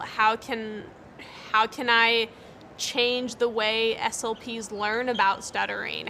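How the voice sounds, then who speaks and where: In an interview, a young woman from the United States who works as a speech-language pathologist offers sincere, encouraging answers despite a stutter marked by repeated words and clipped sounds. She sounds a little high, creaky, bright and forceful, with slight background noise.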